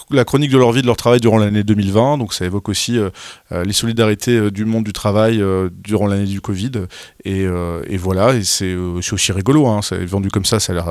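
A man in his thirties from western France, chatting in an interview with a fairly low voice. He hesitates often, filling gaps and restarting his sentences. The sound is dry and close, with no room around it. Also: dry recording. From France, Maine-et-Loire. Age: 30s. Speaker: radio host interviewed as guest. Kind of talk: casual interview answers.

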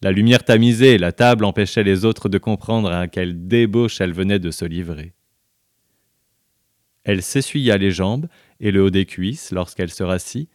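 A man reading a story aloud on the radio in a measured, even storytelling voice. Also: on the low side, no room sound, studio quality. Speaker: guest reader.

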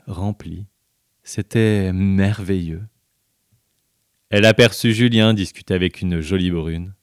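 Low-voiced man reading a story, dry studio sound. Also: darkish tone, no echo. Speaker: guest reader.

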